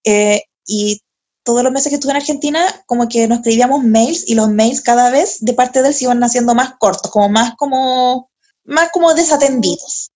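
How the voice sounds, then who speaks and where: A young adult woman from Chile with a Chilean Spanish accent, telling a personal story in a casual, animated and profane way, laughing often. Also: a little high, normal speed. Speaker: podcast host.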